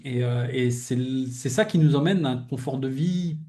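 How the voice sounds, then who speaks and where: A young adult man hosts a podcast, speaking at a moderate pace in a medium-pitched, slightly mellow voice. He shares personal reflections with his guest in a casual, heartfelt chat, rambling, often restarting sentences and filling gaps with "tu vois."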